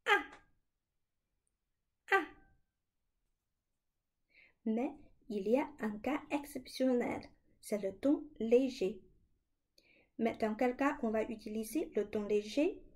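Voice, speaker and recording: Woman w/ teaching kids, slow and patient, bit high voice. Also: mellow. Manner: slow and clear, demonstrating sounds. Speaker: Chinese teacher for children. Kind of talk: slow, patient children's language lesson.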